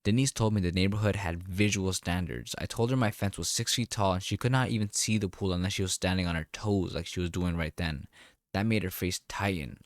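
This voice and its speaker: A man narrating a first-person story in a calm, wry, deliberate way. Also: low-pitched, no echo, clean studio sound.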